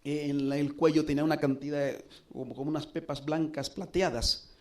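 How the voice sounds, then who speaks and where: A middle-aged pastor preaching, telling a personal story earnestly with dramatic pauses. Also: male voice, a little high, steady tone. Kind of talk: sermon storytelling.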